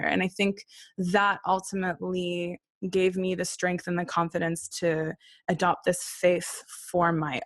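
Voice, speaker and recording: Her voice sits fairly low and the recording is dry. This Australian-born singer-songwriter, who grew up in Israel and Brisbane, appears as an interview guest on a podcast, sharing personal anecdotes openly and casually.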